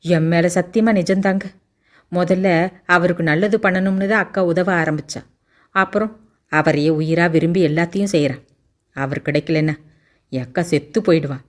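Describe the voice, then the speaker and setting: A woman's voice: on the low side, moderate pace, pauses often, natural voice. A woman voicing a nervous, polite young man pleading on his sister's behalf in a Tamil audiobook. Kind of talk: audiobook character voice.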